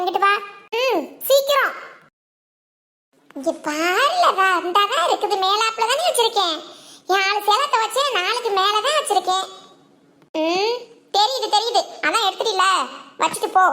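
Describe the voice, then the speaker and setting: A woman voicing a gentle, dutiful young woman in a cartoon, with a Tirunelveli Tamil accent. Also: very high-pitched. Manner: soft, pleading, meek.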